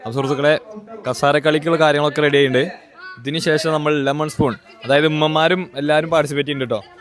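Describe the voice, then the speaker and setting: A man hosts a casual family vlog, his voice hoarse and strained. He talks playfully and teases the relatives around him. His voice sits a little high for a man. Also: fairly even intonation, rapid-fire, some chatter behind. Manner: playful, teasing, eggs people on. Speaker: vlogger host.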